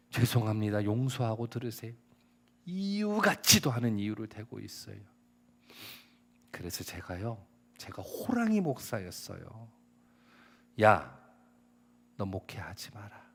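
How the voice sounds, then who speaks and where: Korean pastor preaching with vivid storytelling. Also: male voice, lowish voice. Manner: storytelling sermon, acting out quoted dialogue, rising to shouts. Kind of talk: sermon.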